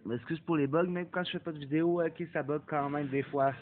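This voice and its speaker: Fairly quick and a little high, his tone stays steady as this young gaming YouTuber, sick with a cold and speaking Québécois French, narrates a mobile racing game. He curses, says sorry for it, and the casual commentary comes through lo-fi, phone-like audio with slight hiss.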